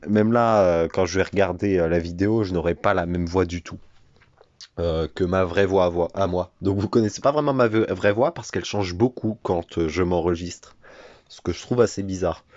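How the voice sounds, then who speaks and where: Hesitant teenage gamer. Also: male voice, low voice, darkish tone, no room sound, highs cut off. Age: teens. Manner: hesitant, many filler sounds. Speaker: gamer and video creator. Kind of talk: casual talk to viewers.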